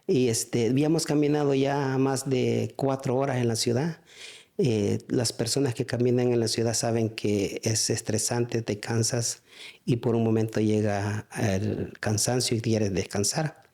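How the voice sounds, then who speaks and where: A man giving a spoken church testimony, halting, with frequent restarts and fillers. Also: mid-range voice, little pitch movement, warm tone.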